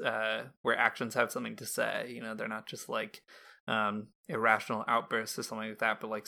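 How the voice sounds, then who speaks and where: A man's voice: mid-range voice, pushed and bright. A man hosting a casual intellectual interview, speaking in a reflective, tentative way as he frames questions. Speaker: podcast host, interviewer.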